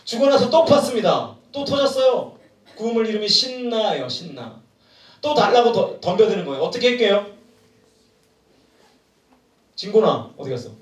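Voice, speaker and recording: Male pastor, sermon, joking and animated, lively pitch, distant roomy recording. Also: normal speed, long pauses. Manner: animated, humorous, asks the crowd questions. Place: large room at a retreat. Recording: echoey room from far off.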